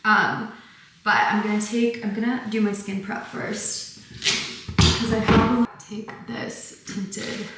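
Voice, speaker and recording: A young woman from Michigan talks through her get-ready routine in a loose, rambling way, stringing thoughts together with constant fillers. Her voice sits at a middle pitch and bounces around a very echoey room. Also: heavy background noise. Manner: chatty, rambling, heavy use of "like". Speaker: beauty vlogger. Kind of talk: casual get-ready-with-me chat.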